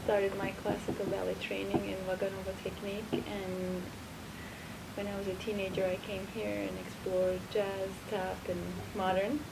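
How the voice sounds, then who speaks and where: Woman, dancer, interview answers, creaky voice, noisy background. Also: mid-range voice, level tone, normal speed. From Turkey. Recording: noisy recording.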